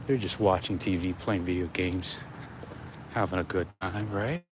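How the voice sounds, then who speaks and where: A man's voice: sits low, normal speed. A man walking and talking outdoors, rambling casually to viewers as he livestreams. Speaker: live streamer. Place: outdoors on an urban waterfront. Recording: outdoor urban ambience, traffic noise.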